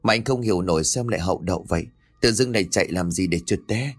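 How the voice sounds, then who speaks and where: A man's voice: sits low, racing, no echo. A man voicing a selfish young husband who talks in a dismissive, evasive way.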